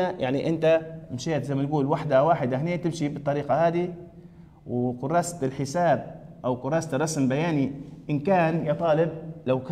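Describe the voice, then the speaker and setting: A man's voice: a little high, dark tone, long reverb tail. A man with a Libyan Arabic accent teaching a math lesson, asking students questions and repeating their answers. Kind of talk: classroom lesson.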